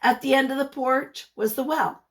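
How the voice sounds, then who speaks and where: A high-pitched woman reads a picture book aloud the way a teacher does. Expressive and cheering the kids on, she pauses to pose questions to them.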